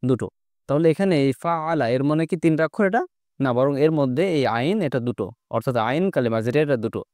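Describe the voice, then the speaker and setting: A man's voice: mid-range voice, fast talker, a little mellow, no echo, clean studio sound. A man teaching an online class, explaining step by step and keeping his students engaged with constant questions.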